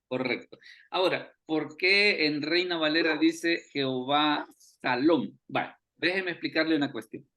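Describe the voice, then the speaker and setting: A man's voice: on the high side, unhurried, bright, forceful tone. A man teaching an online Bible study over a video call, who keeps asking rhetorical questions and repeating his phrases.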